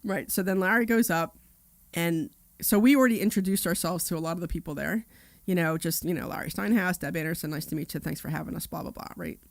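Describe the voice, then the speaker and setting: A woman co-hosting a radio talk show. She tells stories in a chatty, lively way. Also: on the low side, quick pace, vocal fry, no echo, clean studio sound. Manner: chatty storyteller, lively when retelling events. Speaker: radio co-host. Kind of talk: casual radio chat.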